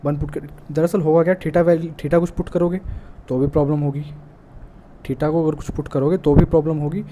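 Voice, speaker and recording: A man with an Indian accent and a slightly high, mellow voice teaches an exam-prep math lesson. He works through problems step by step, mixing in English math terms. Faint background noise can be heard.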